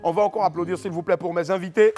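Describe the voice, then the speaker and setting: A man's voice: high voice, fairly even intonation, racing. A man hosting a comedy talk show, exclaiming and playing mock-solemn. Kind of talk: comic studio hosting. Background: music.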